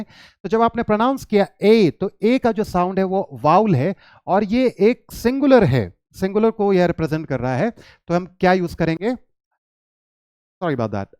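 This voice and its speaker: A man's voice: fairly high pitch, darkish tone, clear, resonant tone, dry recording, clean studio sound. A man teaches English grammar in Hindi mixed with English, patiently putting questions to his class and answering them himself.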